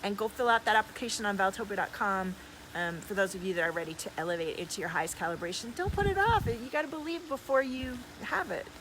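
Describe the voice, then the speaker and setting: A woman speaks fast in a medium-pitched voice while livestreaming from the desert, where she hosts as a healer and gives effusive, emphatic new-age coaching in a casual style. Background noise from outdoors is clearly audible.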